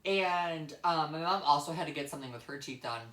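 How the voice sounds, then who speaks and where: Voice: mid-range voice, brisk, a bit bright. Young vlogger rambling bluntly in echoey room. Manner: blunt, swears freely, emphatic repetition. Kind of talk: casual rambling personal storytelling.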